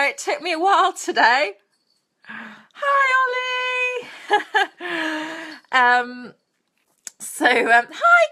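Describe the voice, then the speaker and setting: Young British woman live-streaming, high bright voice, chatty and crude, unhurried. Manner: bubbly, crude jokey asides. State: out of breath. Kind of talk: casual live stream chat greeting viewers.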